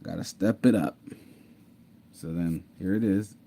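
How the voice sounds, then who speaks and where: Speaking slowly in a deep, gravelly, warm voice, this man shares his own story with viewers over screen share. It's casual talk, full of repetition, laughter and the odd "mind you."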